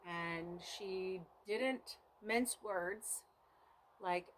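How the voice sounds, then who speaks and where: Very slowly and in a mid-range voice, a homesteading vlogger shares with the camera an emotional, earnest account of a scare that left her shaken, speaking often of God and prayer. The recording is low quality, with slight hiss or hum.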